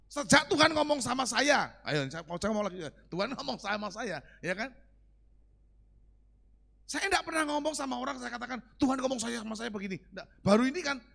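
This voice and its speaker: A male pastor, preaching a conversational sermon. He keeps asking the congregation questions and moves between quiet asides and loud emphatic lines. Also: extremely high pitch, vocal fry.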